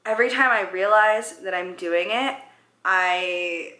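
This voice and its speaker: At home in an echoey living room, a woman in her twenties vlogs a makeup tutorial. She rambles and pokes fun at herself while doing her makeup, speaking slowly in a bright, forceful, mid-range voice.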